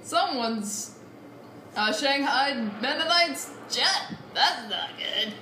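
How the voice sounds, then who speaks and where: A woman plays a video game and chats casually as a let's play gamer, her voice high, expressive and sharp in tone. She takes things slowly, and there's a little hiss or hum. The sound is roomy, with video game music behind her.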